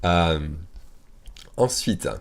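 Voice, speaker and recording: A deep-voiced man gives an easygoing language lesson. He says each word slowly and keeps asking whether the learner follows. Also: expressive, smooth. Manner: explains each word slowly, many "d'accord?" checks. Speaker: English teacher. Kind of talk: casual spoken lesson.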